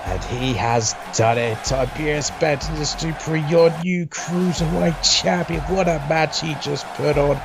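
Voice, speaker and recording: A man's voice: on the high side, a little slow, vocal fry, hardly any pauses, over music. A man giving wrestling colour commentary in a reactive, conversational way. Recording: loud crowd and background noise. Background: crowd noise.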